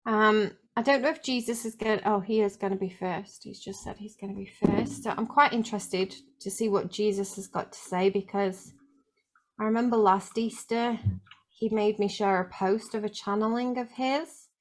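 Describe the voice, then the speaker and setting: A woman's voice: medium pitch, fairly even intonation, normal speed. A woman who works as a spiritual channeler, chatting with asides and filler "um"s during a live channeling session.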